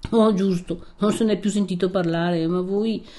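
A woman's voice: mid-range voice, steady tone, moderate pace, dark tone, natural voice. A woman voicing a timid, fussy old male village priest who anxiously scolds a young man. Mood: fretful.

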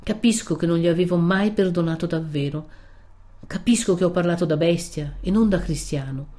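A woman's voice: on the low side, normal speed, dark tone, close to an everyday voice. A woman voicing a young man, pleading and emotional, his voice rising. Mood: contrite.

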